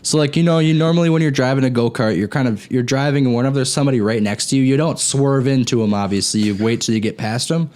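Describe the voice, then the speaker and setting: A man's voice: medium pitch, quick pace, few pauses, darkish tone. A young man chatting casually on a gaming group's talk show, telling rambling stories and swearing freely. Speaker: show co-host. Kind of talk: casual chat.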